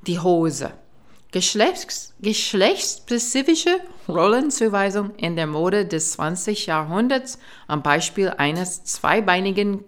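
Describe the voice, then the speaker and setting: A muddled graduate from Texas. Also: female voice, lowish voice. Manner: broken German with English bits, earnest listing. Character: naive female graduate from Texas, proud, muddled. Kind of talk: radio play acting.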